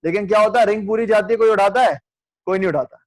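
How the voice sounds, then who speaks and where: A man with a high, quick voice lectures a class on radio, running through examples and tossing questions at the students. The sound is close and dry, with no room around it. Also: no room sound, low-quality recording. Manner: explains with hypothetical examples, asks the class questions. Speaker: radio teacher.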